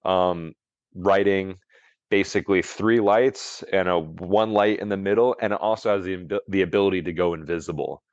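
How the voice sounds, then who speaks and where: A man's voice: sits low, clear, resonant tone, dry recording, dull audio. A man as a podcast guest, telling a story in a casual, rambling way, full of "like" and restarts. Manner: rambling, heavy use of "like" and restarts. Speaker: podcast guest, longevity coach.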